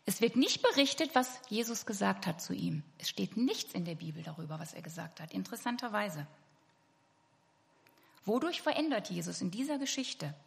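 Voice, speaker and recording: A woman's voice: mid-range voice, very animated, moderate pace, creaky. A woman preaching a sermon to her congregation, earnest and speaking to them directly. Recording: hall reverb.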